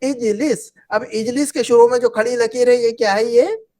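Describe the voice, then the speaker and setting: A woman's voice: fairly high pitch, fairly even intonation, normal speed, warm tone. A woman teaching an Arabic grammar class, repeating points and quizzing her students. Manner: repetitive, drills students with questions. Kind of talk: classroom lesson.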